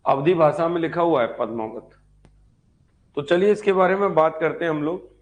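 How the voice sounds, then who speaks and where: Running a relaxed live history lesson for exam preparation, this male teacher has a voice on the high side and talks at normal speed. He goes over important points more than once and keeps checking in with his class.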